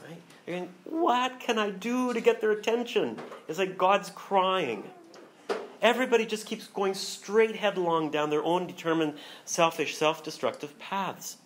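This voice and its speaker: Expressive male pastor preaching. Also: fairly high pitch, slight background noise. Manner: expressive, dramatic reading of scripture with slow emphatic phrasing. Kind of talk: sermon. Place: church hall.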